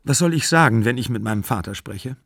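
A man reading an audiobook, voicing an agitated young woman in raised, excited bursts. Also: mid-range voice, fast talker, no room sound, studio quality. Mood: worried.

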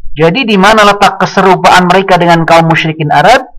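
Man lecturing in measured tones, higher-pitched. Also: a bit bright, low-quality recording. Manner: measured lecturing with quoted Arabic passages. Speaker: Islamic teacher. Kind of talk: religious study lecture.

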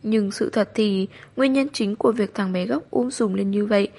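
A woman storyteller giving an audiobook narration of a novel in a steady, expressive reading. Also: medium pitch, normal speed, gravelly.

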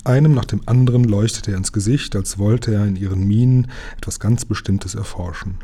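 A man reading a children's book aloud in a calm, measured storytelling manner. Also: fairly low pitch, husky. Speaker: reader.

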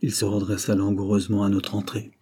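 A man's voice: completely flat delivery, fast talker, mellow, husky. A man reading a detective story aloud as an audiobook narrator, lifting his voice for the characters' lines. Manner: raises pitch and volume to voice the characters' quoted lines.

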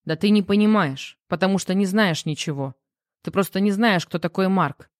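A woman's voice: mid-range voice, normal speed, dry recording, clean studio sound, close to an everyday voice. A woman reading the part of a rattled, irritable grown man who answers curtly in an audiobook. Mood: defensive. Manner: curt, defensive replies.

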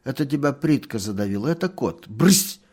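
A man voicing a stout peasant woman who hushes and brushes off questions brusquely. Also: mid-range voice, expressive, normal speed, pitched above the performer's own voice, close to an everyday voice. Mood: hushing. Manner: whispered hushing, brusque. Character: stout red-faced peasant woman, hushing.

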